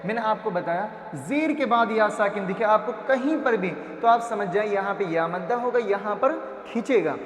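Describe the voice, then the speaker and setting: High pitched guy teaching quran reading, sounds out syllables over and over, stretches vowels, echoey room. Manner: drills syllables, asks and answers his own questions; stretches long vowels slowly. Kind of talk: patient step-by-step phonics lesson.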